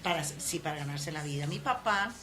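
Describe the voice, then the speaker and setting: A woman's voice: sits low, expressive, brisk, a bit bright. A woman in her fifties from Colombia with a Cali accent, telling her life story in an interview, with many fillers and restarts. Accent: Colombian Spanish from Cali. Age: 50s. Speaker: interview guest. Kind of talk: relaxed personal storytelling. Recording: noisy background ambience.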